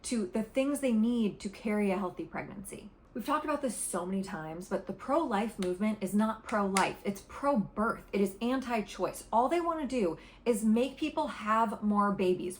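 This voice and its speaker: A woman's voice: a little high, lively intonation, normal speed, hardly any pauses. A woman vlogger talking straight to her viewers, making an argument with emphatic repetition and passion. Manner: passionate, emphatic, repeats points for stress. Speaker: political commentary vlogger. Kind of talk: opinionated direct-to-camera commentary.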